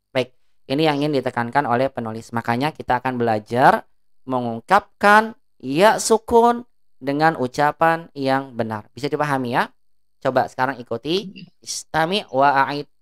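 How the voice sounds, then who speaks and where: Low, smooth-voiced woman teaching. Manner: drills words slowly, stretching long vowels; asks the class check questions. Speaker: Arabic teacher. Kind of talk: teaching a class.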